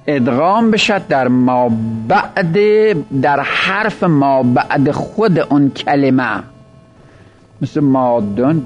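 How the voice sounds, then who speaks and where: A man gives a traditional grammar lesson in a middle-pitched voice. He works through examples methodically, repeating forms aloud and posing questions he then answers himself. The recording is dull and lo-fi, with faint music behind. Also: darkish tone. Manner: explains step by step, repeating word forms aloud. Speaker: Arabic grammar teacher.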